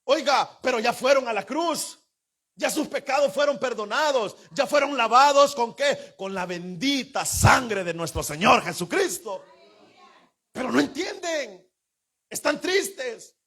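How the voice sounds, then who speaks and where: A pastor preaches in a very high voice. His fervent sermon rises into sudden shouts, then drops to hushed asides. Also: expressive, a little slow, breathy edge.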